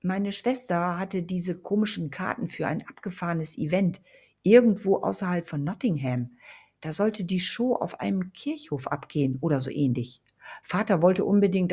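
A woman's voice: fairly low pitch, moderate pace, a little mellow, breathy edge. A woman voicing a cautious, level-headed young man in an earnest tone.

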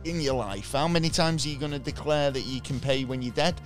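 A man's voice: medium pitch, fairly quick. A man with a mid-range voice co-hosts a casual podcast, rambling through a jokey story while fighting off hiccups. Faint music plays underneath him. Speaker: podcast co-host. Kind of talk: casual chat.

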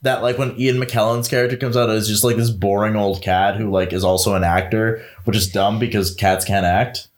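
A man's voice: lowish voice, steady tone, moderate pace, hardly any pauses. A man reviewing a movie in casual chat, rambling with many fillers, swearing and laughing often.

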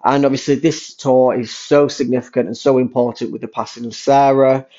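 A young British man with a cold, hoarse with a rough smoker's rasp, giving a chatty, rambling solo update and repeating words for emphasis. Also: mid-range voice, flat delivery, fairly quick, mellow. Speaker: podcast host and YouTuber. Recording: dull lo-fi sound.

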